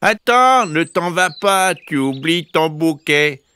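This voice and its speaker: A man voicing a fussy middle-sized bear in a children's storybook, with a plaintive, lively pitch. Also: takes it slowly, smooth, exaggerated voice. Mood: pleading.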